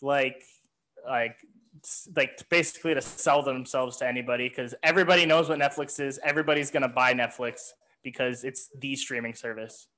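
A man's voice: mid-range voice, steady tone, a little fast, bright, forceful tone, poor audio. A young man co-hosting a casual chat, laid-back and swearing freely as he explains things. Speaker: co-host.

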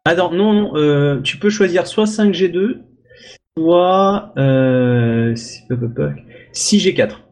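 A man's voice: a little high, slow pace, a little mellow. A man narrating as game master of a tabletop game, hesitant and full of filler sounds, with little spoken sound effects.

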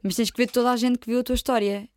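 Brief: young female podcast co-host, dry deadpan humor, quick delivery. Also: fairly high pitch, no room sound. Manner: deadpan teasing, jokes at own expense. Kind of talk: casual chat.

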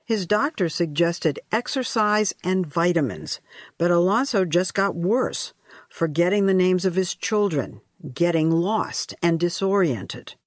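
A woman correspondent reading a scripted news report in a measured, grave manner. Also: on the low side.

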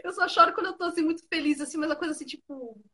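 A woman hosting a casual video-call chat, an expressive storyteller who laughs easily. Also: high voice, rapid-fire. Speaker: host.

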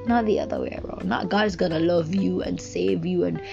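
A woman with a Jamaican accent speaks briskly in a lowish voice with vocal fry, giving an earnest, rambling devotional talk full of fillers and restarts. The recording is dull and lo-fi, with music playing behind her.

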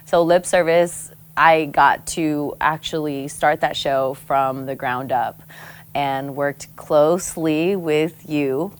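Samoan woman guest, pretty low voice, blunt and animated, cracks up a lot while telling stories. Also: takes it slowly, clean tone. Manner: frank, animated, laughs often, swears casually. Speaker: guest, former show host. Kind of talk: candid conversational storytelling.

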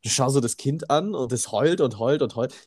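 A man's voice: medium pitch, normal speed, a little mellow. Laughing, rambling podcast man. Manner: laughs often, rambling storytelling. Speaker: podcast co-host. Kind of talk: casual podcast chat.

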